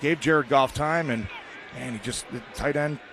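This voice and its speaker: A man's voice: mid-range voice, moderate pace. An American man giving informal, conversational football analysis as a radio color commentator, often repeating himself. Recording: noisy live stadium broadcast.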